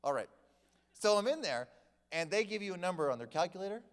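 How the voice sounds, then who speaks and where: A lively man leads a church class, and his voice sits a little high for a man. He spins funny stories and slips into the voices of the people in them. The sound rings with the long reverb of a big hall. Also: fast talker. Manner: animated storyteller, acts out quoted people. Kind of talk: humorous teaching talk to a group.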